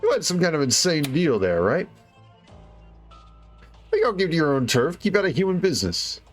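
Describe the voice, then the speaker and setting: A cocky penguin mob boss, put on by a man, leaps high and wide with every boast, snapping out slangy threats. Faint music plays underneath the game reading. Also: wildly swooping pitch, moderate pace. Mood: taunting. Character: brash swaggering male penguin mob boss.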